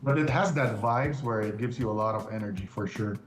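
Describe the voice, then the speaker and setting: A man's voice: fairly low pitch, a little fast, faint music behind. A young man from upstate New York, a quiz contestant talking casually about himself in a laid-back way with frequent chuckles. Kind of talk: casual interview chat. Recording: roomy echo.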